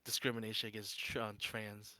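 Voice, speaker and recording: A man chatting casually in a halting way, as if thinking aloud. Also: fairly low pitch, flat delivery, sharp tone, no echo. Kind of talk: casual group chat. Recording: faint noise and clicks.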